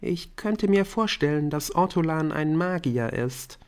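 A man's voice: high-pitched, very animated, measured pace, pitched above the performer's own voice, full character voice. Bryn, a man putting on a clingy teenage girl. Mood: whispering.

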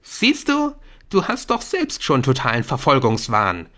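A man reading an audiobook, voicing a worried, earnest teenage schoolboy who pleads urgently in a raised, high voice. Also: big pitch swings, unhurried, vocal fry, a bit bright, heavily acted. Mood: worried, insistent. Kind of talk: audiobook character voice.

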